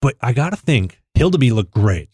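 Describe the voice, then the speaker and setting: A man's voice: mid-range voice, sing-song, normal speed, mellow, slightly rough, dry recording, clean studio sound. A man co-hosting a podcast, chatting casually about hockey and rattling off player stats. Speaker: podcast co-host.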